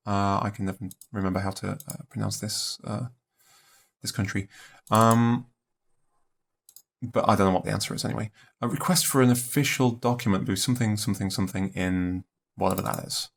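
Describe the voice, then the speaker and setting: A young man thinking aloud in a let's play, musing and unhurried, trailing off into half-spoken guesses. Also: on the low side, vocal fry. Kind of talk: thinking-aloud puzzle commentary.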